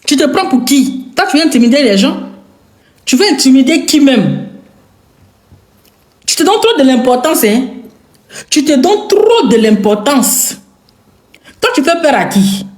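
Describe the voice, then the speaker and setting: An online commentator with an Ivorian French accent rants angrily at the camera in an echoey room. Her voice sits high with a darkish tone, and she's confrontational, repeating lines for emphasis and hurling insults.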